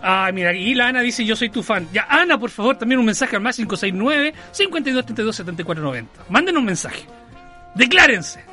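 Chilean male co-host, high bright voice, very animated, faint music behind; casual chat. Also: fast talker. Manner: animated, laughs often.

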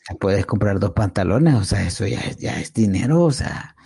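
A man with a Central American accent hosts a casual podcast, teasing his guest and repeating himself for emphasis. His voice sits low and warm. The sound is close and dry. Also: animated, creaky, breathy edge, dry recording. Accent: Central American Spanish. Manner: slow, teasing, emphatic repetition. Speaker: podcast host. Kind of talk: joking casual chat.

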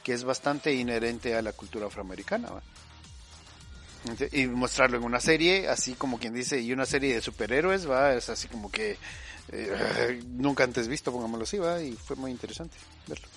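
A man's voice: medium pitch, brisk, fairly bright tone, soft background music. A man, co-hosting a podcast and explaining his views at length with many verbal tags. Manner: talks at length, tags "¿va?" and "pongámoslo así". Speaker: podcast co-host. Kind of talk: casual opinion chat.

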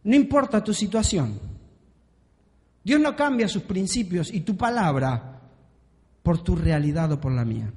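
A man preaching a sermon in a church and talking directly to the congregation. He is animated and acts out the voices he quotes. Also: sits high, measured pace, long pauses. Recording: long hall reverb.

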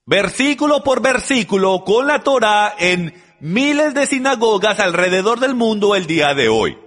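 High-voiced man preaching in a reverberant hall. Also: very animated, moderate pace, a bit bright. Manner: emphatic, addresses the audience directly. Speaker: Bible teacher. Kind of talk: teaching sermon.

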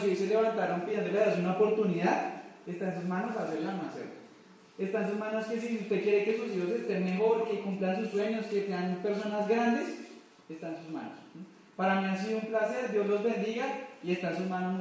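A man's voice: high voice, fairly even intonation, brisk, darkish tone, slight background noise. A man with a Colombian accent giving a motivational talk to a live audience, asking rhetorical questions and telling folksy stories. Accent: Colombian Spanish. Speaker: motivational speaker at a business event. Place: large echoey event hall. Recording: echoey hall from far off.

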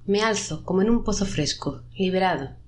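A woman narrating a dark story, voicing the trapped souls in a raised, pleading pitch. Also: expressive, normal speed.

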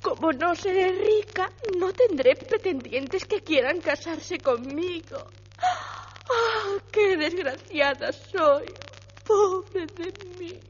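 A woman's voice: high-pitched, big pitch swings, slow pace, darkish tone, slight background noise, full character voice. A woman voicing a dreamy, weepy young milkmaid girl in a children's radio play, wailing in self-pity. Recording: dull radio sound with music.

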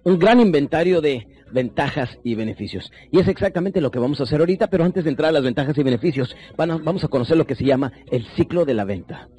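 A man teaching sales techniques, shifting between quick bursts and low, slow emphasis while speaking straight to the listener. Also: animated, mellow. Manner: addresses listener directly as compañero. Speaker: sales trainer. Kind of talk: recorded sales seminar lesson.

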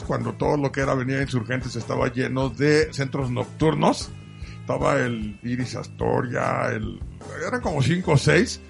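A man's voice: mid-range voice, vocal fry. A middle-aged Mexican man hosting a show in casual, bantering conversation. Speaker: show host.

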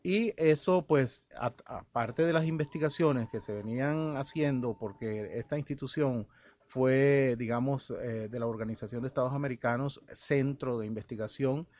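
Man, from El Salvador, radio interview guest, halting with fillers, mid pitch, dull lo-fi broadcast sound. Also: a little mellow. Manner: halting, with many fillers and restarts. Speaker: guest musician and researcher. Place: radio studio.

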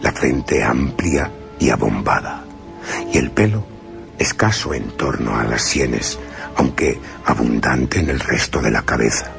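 With a bass voice that is animated, a little slow and full of vocal fry, a young adult actor exaggerates his delivery as a young solicitor narrating a terrifying journey in first person. The radio drama narration is tense and fearful, with music underneath.

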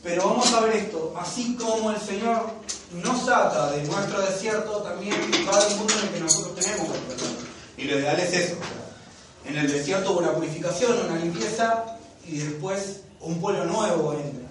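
A man's voice: high voice, a little fast, roomy sound, far from the mic, noisy background. A man with a Rioplatense accent teaching a Bible lesson in a classroom, talking conversationally and often checking in with "¿sí?" and "¿no?". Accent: Rioplatense Spanish. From Argentina.

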